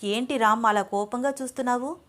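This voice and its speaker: A woman's voice: fairly high pitch, brisk, a bit bright, close to an everyday voice. A woman voicing a headstrong young wife and student who answers back in a pouty, defiant way. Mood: protesting.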